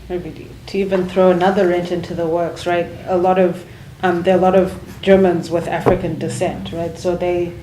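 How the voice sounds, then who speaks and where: A woman's voice: on the low side, flat delivery, normal speed. A woman taking part in a panel discussion, probing the point and ending phrases with tag questions. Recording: echoey room, faint noise.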